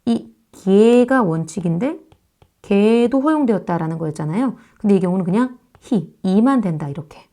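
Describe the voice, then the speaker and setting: Female lecturer, mellow tone, patient, demonstrates sounds aloud, talks straight to students. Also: mid-range voice, lively intonation. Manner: explains slowly, repeats sounds to demonstrate pronunciation; addresses students directly, checks understanding. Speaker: Korean grammar teacher. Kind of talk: online lecture.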